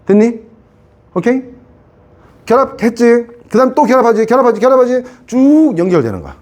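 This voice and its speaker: Male science teacher, high and very animated delivery, keeps asking the class if they follow. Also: brisk. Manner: chatty, keeps asking students to confirm; repeats and re-explains key points. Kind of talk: classroom lecture.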